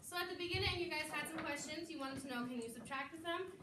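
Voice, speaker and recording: A woman's voice: high-pitched, fast. A woman co-teaching young children in a kindergarten-teacher way, calling for attention and asking simple questions. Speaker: teacher co-leading a children's math lesson. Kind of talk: classroom instruction to young children. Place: classroom. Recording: distant mic, echoey noisy classroom.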